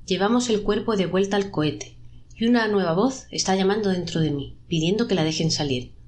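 Woman reading a creepy story, pitches up for trapped voices. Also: a little fast, darkish tone, a little hiss or hum. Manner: voices trapped souls in a raised, pleading pitch. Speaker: narrator. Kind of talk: dramatic storytelling narration.

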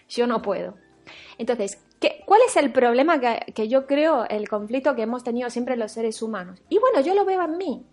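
A woman from France giving a reflective recorded talk as a spiritual teacher, animated, acting out her inner voices and checking in with the listener. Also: a little high, moderate pace, faint music behind.

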